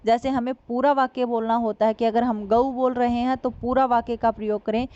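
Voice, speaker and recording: A woman teacher giving an explanatory lecture, asking questions and answering them herself, repeating examples slowly. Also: on the high side, steady tone, dark tone, no room sound. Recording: dull lo-fi recording.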